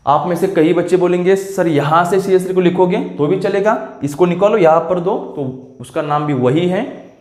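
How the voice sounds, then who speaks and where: A man's voice: sits high, normal speed, darkish tone. A man teaching chemistry in a classroom lecture, explaining step by step and often asking if the students follow. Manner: explains step by step, keeps checking "clear?" with students. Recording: echoey room.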